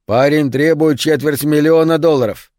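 A steady middle-aged airline captain talks plainly and calmly, without a hint of alarm, as a narrator reads him. His voice is a touch high for a man and sounds dry and close. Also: moderate pace, dry recording, close to an everyday voice. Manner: calm, matter-of-fact.

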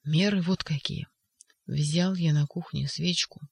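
A reader voicing an agitated young male poet in an audiobook, shouting insistent outbursts. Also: medium pitch, fairly even intonation, unhurried, vocal fry, slightly rough, no room sound, studio quality. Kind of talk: audiobook character voice.

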